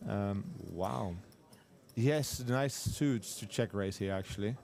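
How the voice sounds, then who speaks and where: A man's voice: lowish voice, slow, vocal fry, darkish tone. A man commentating live poker, breaking down hand strategy in detail with frequent restarts and repeated agreement.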